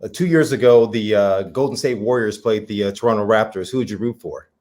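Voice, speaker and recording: A man's voice: lowish voice, fairly quick, a little mellow. A man co-hosting an interview show, talking in an enthusiastic, chatty way and laughing easily. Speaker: co-host. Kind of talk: casual conversation.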